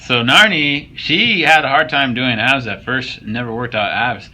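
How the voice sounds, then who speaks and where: A man's voice: mid-range voice, a little slow, sharp tone, slight background noise, rough recording. A young man casually commenting on workout footage, joking and swearing as he coaches viewers. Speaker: fitness vlogger.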